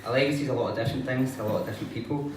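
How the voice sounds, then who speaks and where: Young male eulogist, solemn, earnest reading, medium pitch, recorded far from the mic in a reverberant space. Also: rapid-fire. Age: young adult. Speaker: grandson giving a eulogy. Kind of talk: eulogy read to a gathering. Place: large echoey room before an audience. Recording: echoey, distant, noisy room recording.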